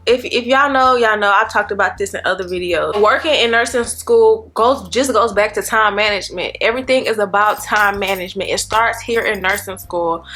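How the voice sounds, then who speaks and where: A woman's voice: mid-range voice, bright, forceful tone. A woman in her twenties, a nursing student vlogging in a chatty, rambling way, talking straight to her viewers. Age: 20s. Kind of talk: casual chat to camera.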